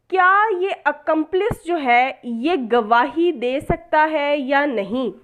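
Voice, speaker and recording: A woman with a Pakistani accent and a high-pitched voice lectures as a law tutor. She explains step by step in a didactic manner, using rhetorical questions, repeating key points for emphasis and mixing in English legal terms.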